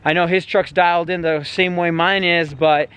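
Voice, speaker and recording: Laid-back SoCal guy, high bright voice, slightly winded, outdoor trail vlog, rambly. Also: steady tone, moderate pace, clear, resonant tone. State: a little out of breath. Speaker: off-road vlogger. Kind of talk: casual outdoor vlog talk.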